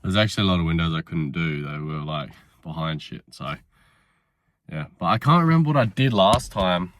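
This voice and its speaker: A man's voice: deep voice, expressive, fairly quick, fairly bright tone, a little hiss or hum. A man talking in a casual, sweary vlog style, rambling as he thinks aloud. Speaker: self-employed window cleaner vlogging his day.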